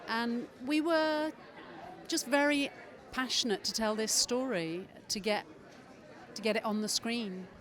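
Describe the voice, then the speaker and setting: A woman's voice: a little high, a little slow, a bit bright. Earnest woman over light crowd chatter. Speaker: screenwriter. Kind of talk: red carpet interview. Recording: crowd chatter at red carpet.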